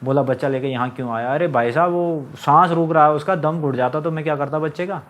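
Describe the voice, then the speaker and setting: A man's voice: a little high, fast. A young man telling his own story in a casual monologue, agitated and complaining, acting out what others said. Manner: agitated, complaining, acts out quoted lines.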